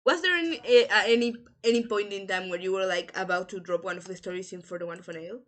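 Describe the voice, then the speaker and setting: A woman's voice: medium pitch, fast talker, fairly bright tone. A woman hosting a casual livestream podcast, enthusiastic and encouraging, laughing often as she asks questions. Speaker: podcast host.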